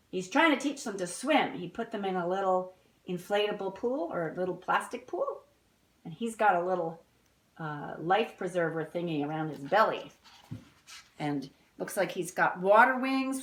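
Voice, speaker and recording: Reading a picture book to young children, a woman with a lowish, slightly bright voice breaks in with chatty explanations. She speaks straight to her little listeners, asking questions and keeping things simple.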